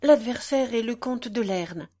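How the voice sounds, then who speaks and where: A woman's voice: a little high, animated, unhurried, dark tone. A woman reading the part of an anxious young married noblewoman who speaks curtly, with tense hesitation. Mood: urgent.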